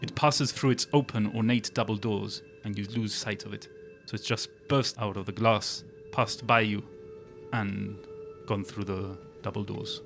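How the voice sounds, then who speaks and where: Low-voiced male game master over music. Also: steady tone, measured pace, vocal fry, fairly bright tone. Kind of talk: descriptive tabletop game narration.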